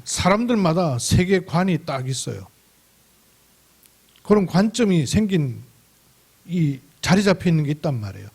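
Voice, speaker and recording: A man's voice: fairly high pitch, sing-song, normal speed, pauses often, darkish tone, breathy edge. A man preaching a Sunday sermon as pastor, emphatic and repetitive, stretching out key words. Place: church sanctuary.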